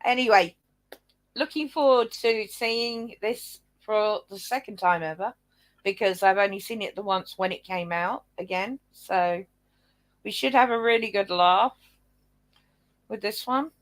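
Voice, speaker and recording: A woman's voice: mid-range voice, unhurried. A woman co-hosting in a casual, rambling, chatty way. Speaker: co-host. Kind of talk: casual chat.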